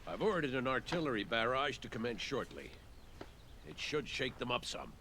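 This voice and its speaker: A stern colonel barks clipped orders in a bright, forceful voice. His tone stays commanding throughout. A faint battlefield ambience hums behind him. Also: medium pitch, sing-song, moderate pace, a little hiss or hum. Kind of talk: game cutscene dialogue.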